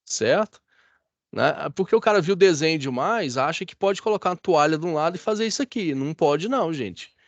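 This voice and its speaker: A Brazilian man gives a classroom lecture in a somewhat high voice. His speech is dry and close, with no room echo. He chats easily and keeps checking that the class follows him. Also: lively intonation, brisk, highs cut off. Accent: Brazilian Portuguese. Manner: chatty, asks the class for agreement. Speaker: teacher.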